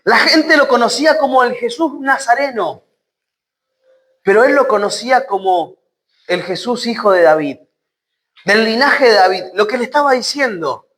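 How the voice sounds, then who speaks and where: A woman preacher with an Argentine accent giving an emphatic sermon, repeating key phrases and dropping low for emphasis. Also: fairly bright tone. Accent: Argentine Spanish.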